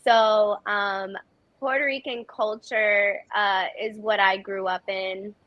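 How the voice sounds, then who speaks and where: A woman's voice: medium pitch, fairly even intonation, slow pace, no echo, muffled recording. A woman actress giving earnest, reflective interview answers with frequent restarts. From United States. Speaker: actress, guest.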